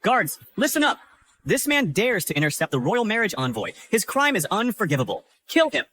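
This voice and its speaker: A man's voice: a little high, big pitch swings, normal speed, fairly bright tone, a little hiss or hum. An actor playing an arrogant, sneering young nobleman, the prime minister's son, in a dubbed drama. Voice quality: sneering, boastful, turns pleading. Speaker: villain.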